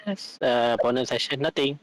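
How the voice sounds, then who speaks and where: A man playing in an online tabletop game, chatting playfully. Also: moderate pace. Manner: playful, bursts into high laughter. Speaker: player. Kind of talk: casual game chat.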